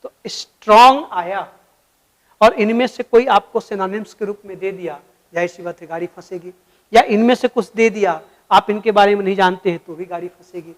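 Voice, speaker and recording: A man's voice: high-pitched, moderate pace, poor audio. A man giving an explanatory video lesson as a vocabulary teacher, patient and friendly, spelling out words letter by letter for his viewers.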